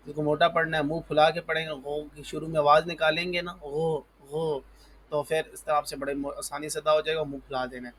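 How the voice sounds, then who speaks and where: A man teaching the alphabet for Quran reading, calling out each letter slowly and loudly, then explaining calmly and patiently. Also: on the high side. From Pakistan. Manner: patient, repeats "ji" and "parh lijiye". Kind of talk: alphabet lesson.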